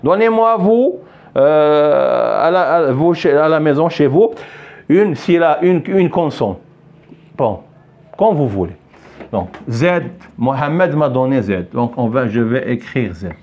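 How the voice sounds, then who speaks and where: Older guy teaching french sounds, talks slow and patient, keeps asking if you follow. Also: a little high, expressive, dull audio. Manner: patient, repeats himself, checks understanding often; questions and praises a child pupil. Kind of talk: recorded French pronunciation lesson.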